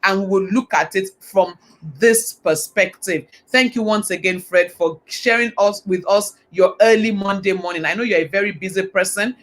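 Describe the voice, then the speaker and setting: A woman hosts a live online talk show with an enthusiastic, affirming manner. She sums up her guest's points and asks questions with lively energy. Her voice sits at a middle pitch. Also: normal speed. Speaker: host.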